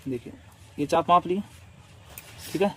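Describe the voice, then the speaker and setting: A man's voice: on the high side, measured pace, a bit bright, slightly rough. A man teaching a maths lesson step by step, repeating each step and asking rhetorical questions as he draws.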